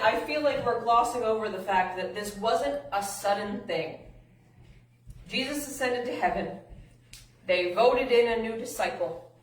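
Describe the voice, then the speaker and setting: Woman teaching kids in a roomy space. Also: medium pitch. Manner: animated reading, chatty asides to the kids. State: a little out of breath. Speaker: children's church teacher. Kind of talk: reading scripture and teaching kids. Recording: roomy, from a distance.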